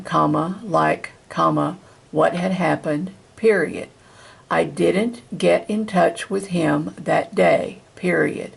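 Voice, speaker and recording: Woman, low-pitched, heavy vocal fry, dictating a statement word by word with the punctuation spoken aloud. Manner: speaks punctuation marks aloud in a flat dictating way. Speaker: person giving a statement.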